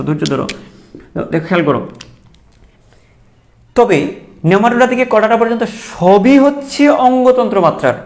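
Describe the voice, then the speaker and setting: A man's voice: high-pitched, vocal fry, darkish tone. A young man teaching a biology exam-prep lecture, repeating key terms and quizzing his students as he goes.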